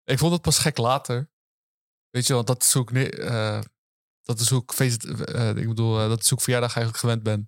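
A young man hosting campus interviews, chatting in a relaxed, rambling way with many fillers. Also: mid-range voice, brisk, no echo, studio quality. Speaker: host and interviewer. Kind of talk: casual chat. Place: outdoors on a university campus.

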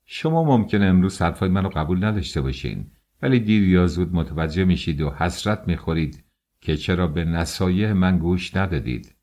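Worldly, preachy gentleman with a deep low voice, read by a male audiobook narrator. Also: lively intonation. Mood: lecturing. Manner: preachy, confiding advice. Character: worldly older man lecturing a young friend.

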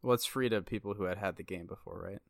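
A man's voice: lowish voice, fast talker, gravelly, no echo. A young man co-hosting a casual podcast chat, teasing his friend with dry sarcasm. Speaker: podcast co-host.

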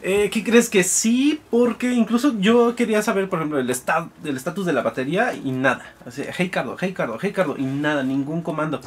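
Rambling Mexican man, higher voice. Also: a little fast, few pauses, a little hiss or hum. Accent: Mexican Spanish. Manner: rambling, full of fillers. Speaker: podcast co-host. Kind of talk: casual chat reviewing gear.

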